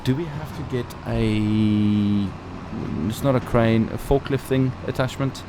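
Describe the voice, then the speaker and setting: Here the non-native English-speaking let's play host has a mid-range voice and takes his time. Background noise is present as he offers casual gameplay commentary, musing aloud with playful asides.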